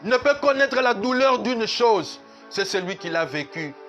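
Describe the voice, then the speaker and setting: A man's voice: high voice, expressive, measured pace, fairly bright tone, faint music behind. A man pastor, preaching a sermon at a church service in an emphatic, repetitive way that slips into sung lines.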